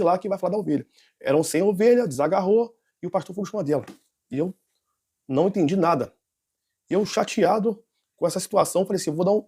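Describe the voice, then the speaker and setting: A nervous man, an interview guest, tells a personal testimony in a high, warm, husky voice. He rambles, restarting and correcting himself as he goes.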